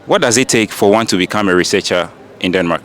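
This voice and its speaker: Man, low voice, street interviewer, friendly short questions, faint city noise. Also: quick pace, fairly bright tone. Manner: friendly, brief prompting questions. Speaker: street interviewer and channel host.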